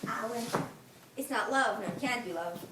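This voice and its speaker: Brusque menacing gangster bloke played by a woman, high voice, stage comedy, distant noisy mic. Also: moderate pace, close to an everyday voice. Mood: businesslike. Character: brusque, menacing male gangster returned from the dead. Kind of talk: live stage comedy acting. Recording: echoey stage, distant mic, clear noise.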